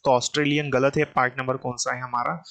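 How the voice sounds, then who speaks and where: A man's voice: mid-range voice, little pitch movement, fast, gravelly, fairly bright tone. A man giving an exam-prep grammar lesson. He speaks with an Indian English accent, calls the student "beta", and keeps asking questions that he then answers himself. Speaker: English teacher.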